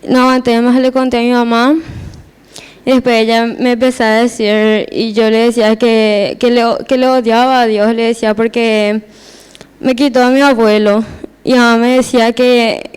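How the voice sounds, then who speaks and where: A woman's voice: fairly high pitch, little pitch movement, moderate pace, clear, resonant tone. A teenage girl giving a personal church testimony, hesitant and repeating her words as she restarts.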